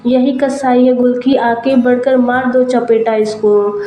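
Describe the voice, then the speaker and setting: A woman's voice: a little high, level tone, takes it slowly, mellow. A woman voicing a fierce, commanding village woman who gives scolding orders. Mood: furious. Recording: roomy with faint music.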